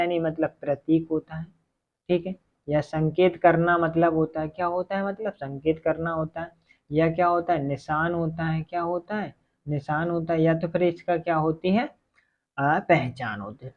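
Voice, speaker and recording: Man teaching, tinny phone-like sound. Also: fairly high pitch. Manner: repetitive questioning, answers his own questions; slow dictation while writing. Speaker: Hindi grammar teacher. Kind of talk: online exam-prep lesson.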